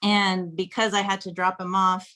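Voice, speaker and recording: A woman in her thirties from Texas, a guest on a podcast interview, chatting in an animated, playful way and laughing often. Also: medium pitch, moderate pace. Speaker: podcast guest, flirt coach. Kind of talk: casual interview chat.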